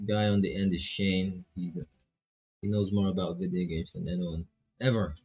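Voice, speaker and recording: Reading visual novel dialogue aloud as he plays, a streamer with a Filipino accent keeps things casual and playful. His low voice is darkish and slightly rough, with a steady tone at normal speed, and music plays in the background.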